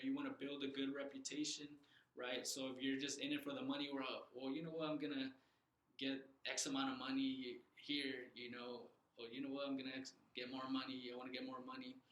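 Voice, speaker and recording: A man's voice: medium pitch, a bit bright, roomy sound, poor audio. A young man from Southern California being interviewed as a loan officer, earnest and thoughtful, with frequent fillers and restarts. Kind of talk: casual interview.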